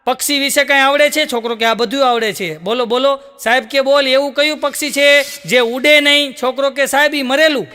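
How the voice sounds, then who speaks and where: A man's voice: very high voice, brisk, hardly any pauses, sharp tone. A man telling stage jokes, acting out the lines of each character and laughing between punchlines. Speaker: stand-up comedian. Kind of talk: Gujarati joke-telling stage show. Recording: long hall reverb.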